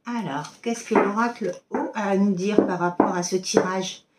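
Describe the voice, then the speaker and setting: A woman's voice: medium pitch, fairly even intonation, normal speed, heavy background noise. A woman giving a casual oracle card reading to her viewers, chatty and affectionate, with many fillers.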